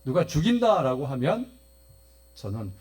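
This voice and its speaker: A man's voice: on the high side, big pitch swings, measured pace, a little mellow, husky. A man pastor preaching a Sunday sermon at a church service, telling stories and often turning to speak straight to the congregation. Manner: storytelling, often addresses the congregation directly.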